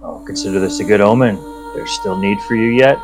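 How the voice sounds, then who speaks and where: A man's voice: lowish voice, a little fast, over music, lightly acted, poor audio. A man playing an earnest, loyal lone werewolf messenger in a tabletop game, speaking formally and respectfully. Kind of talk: tabletop role-play character acting.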